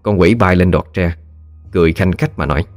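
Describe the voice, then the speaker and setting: Male storyteller, low voice, lively colloquial narration, dry audio over music. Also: a little fast, dry recording. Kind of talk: scripted ghost-story narration.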